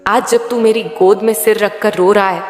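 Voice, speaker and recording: A woman voicing a loving, all-knowing mother goddess in a soothing devotional message, speaking slowly and intimately. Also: medium pitch, fairly even intonation, a little mellow, natural voice. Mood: tender. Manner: slow, soothing, intimate address. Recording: echoey hall with faint sitar music.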